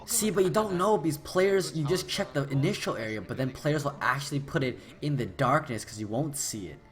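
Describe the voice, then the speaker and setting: Guy casting a game match solo, voice kinda tired and dry, swings up and down a lot, rambly and swears, yells when stuff happens. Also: a little high, brisk. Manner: chatty, rambling, swears casually, bursts into excited yelling. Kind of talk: casual esports play-by-play commentary. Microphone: new desktop microphone.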